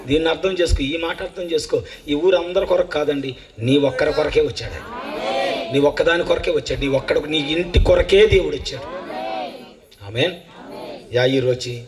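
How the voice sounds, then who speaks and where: A male pastor delivers a revival sermon, telling a Bible story in a dramatic way. His voice sits a bit high for a man. He acts out the crowd's voices and climbs to shouted climaxes. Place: revival meeting stage.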